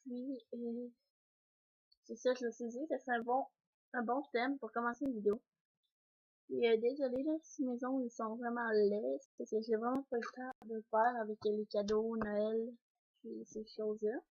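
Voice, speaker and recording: Her voice is slightly high and darkish, delivered flatly at a normal speed. She's a young woman with a Québécois French accent, a beauty vlogger casually unboxing products indoors at home by a sunny window, hesitant and full of fillers and throat clearing. The recording is a dull lo-fi home video.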